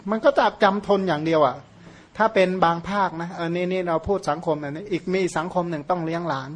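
A Buddhist monk from northeastern Thailand, a native Khmer speaker, giving a casual, conversational Dhamma talk with gentle chuckles. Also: male voice, a little high, fast talker. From Surin, northeastern Thailand.

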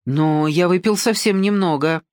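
A woman's voice: lowish voice, normal speed, darkish tone, no echo, studio quality, natural voice. A woman reading an audiobook and voicing a nervous, bewildered young male cook who speaks hesitantly. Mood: anxious. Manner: hesitant, anxious.

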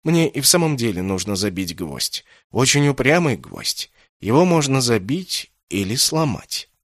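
A man's voice: medium pitch, big pitch swings, measured pace, no echo, clean studio sound. A man voicing a haughty, manipulative male mage in an audiobook, speaking imperiously and coldly. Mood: scheming. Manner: imperious, coaxing, then clipped and cold. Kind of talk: audiobook character reading.

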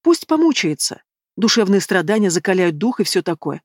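A woman's voice: fairly low pitch, a little fast, darkish tone, dry recording, studio quality, lightly acted. A woman voicing a brash and bossy young woman in an audiobook who speaks indignantly and with confidence.

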